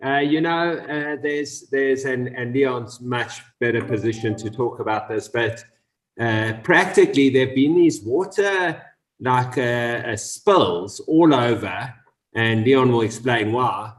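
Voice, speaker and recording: Laid-back guy co-hosting, mid-pitched voice, pokes fun at himself. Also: measured pace. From South Africa. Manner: easygoing, self-deprecating. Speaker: co-host. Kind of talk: casual panel chat.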